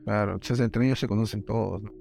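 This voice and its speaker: A man in a casual film chat, animated and jokey, acting out little quotes. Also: on the low side, fast talker, creaky, faint music behind.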